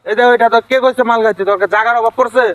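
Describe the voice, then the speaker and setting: A man's voice: very high voice, level tone, fairly bright tone, slight background noise. A man playing a self-important, scolding educated man in a comedy skit, hectoring with questions in a Bangladeshi accent. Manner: hectoring, rapid-fire questioning.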